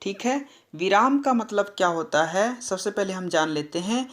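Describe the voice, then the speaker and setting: A woman teaching Hindi grammar in a classroom-style lesson, slow and deliberate, asking the class questions and answering them herself, often checking with "ठीक है ना". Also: animated. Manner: slow, deliberate, drops to a low, quiet voice for the answers.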